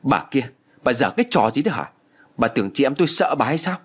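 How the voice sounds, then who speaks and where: A man's voice: mid-range voice, very animated, fast talker, husky. A man playing a headstrong young woman who snaps back in a storybook reading. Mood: defiant. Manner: sharp, retorting. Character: defiant grown daughter, stubborn young woman.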